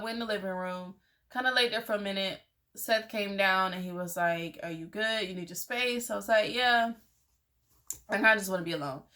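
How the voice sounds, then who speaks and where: A young adult woman with a lowish, slightly bright voice tells her viewers a personal story. The vlogger is candid and conversational, sprinkling in plenty of "like" and "y'all."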